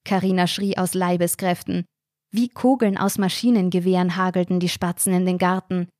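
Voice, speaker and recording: A woman narrating a short-story podcast in a measured, suspenseful reading. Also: fairly low pitch, a little mellow, dry recording, clean studio sound.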